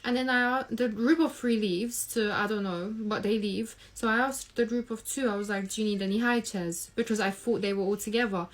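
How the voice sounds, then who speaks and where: A woman's voice: fairly high pitch, fairly even intonation, normal speed, few pauses. A woman who works as a restaurant host, casually retelling a work story in an exasperated way, full of quoted back-and-forth. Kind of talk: storytime monologue.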